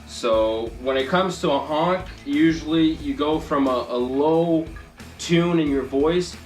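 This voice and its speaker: This hunting instructor, a man with a fairly high voice, takes his time walking through an informal hands-on lesson in a relaxed, loose way. Music plays in the background of an echoey recording made from a distant mic.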